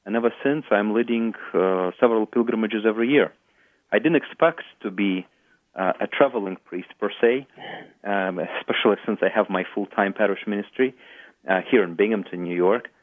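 Hesitant low-voiced middle-aged man, tinny line. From Latvia. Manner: measured, with frequent hesitations. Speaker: guest priest and pilgrimage tour founder. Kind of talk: radio interview answers. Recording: narrow phone-like radio sound.

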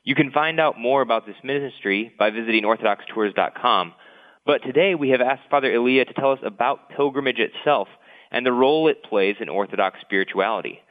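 A man introduces and interviews a guest on a radio program in a plain, friendly manner. His voice is mid-pitched, with a long reverberant tail and a narrow, phone-like sound. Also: brisk.

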